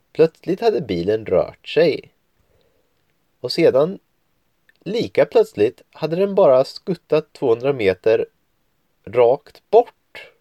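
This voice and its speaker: Lively man reading a children's story. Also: medium pitch, dry recording. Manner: lively, playful voices for the children's lines. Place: home room at a computer.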